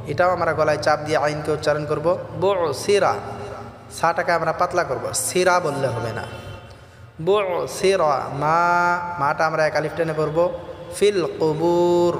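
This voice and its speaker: High-voiced guy teaching quran recitation, drawn-out chanting, reverb-heavy room. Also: fairly bright tone. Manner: chants verses slowly, then explains pronunciation rules briskly. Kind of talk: tajweed lesson, slow chanted recitation alternating with quick spoken explanation. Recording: echoey reverberant room with faint background music.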